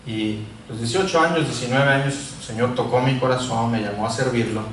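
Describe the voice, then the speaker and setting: A man from Mexico, preaching a sermon full of personal testimony and swinging from loud calls to quiet asides. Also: medium pitch, brisk. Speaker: pastor. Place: large echoey church hall. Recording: echoey church hall, mic far off, faint noise.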